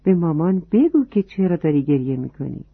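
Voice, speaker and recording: Gentle storybook mother, as the narrator puts her on, husky, soft and coaxing, dry tinny sound. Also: medium pitch, big pitch swings, no echo, exaggerated voice. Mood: tender. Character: gentle, patient mother of a little girl. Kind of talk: storybook reading.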